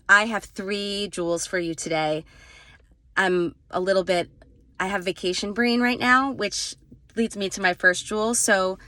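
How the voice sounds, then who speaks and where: Woman, middle-aged, coach, casual talk in a car, somewhat low pitch, ums and restarts. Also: bright, forceful tone, no room sound. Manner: chatty and candid, with frequent ums and restarts. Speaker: executive and leadership coach. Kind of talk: casual vlog talk to camera. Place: inside a parked car.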